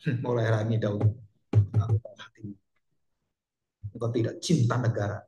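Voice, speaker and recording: A man's voice: on the low side, flat delivery, brisk, lo-fi sound, music in the background, pitched below the performer's own voice, natural voice. A man voicing a stern, disappointed army commander who speaks reproachfully, in an echoey church hall.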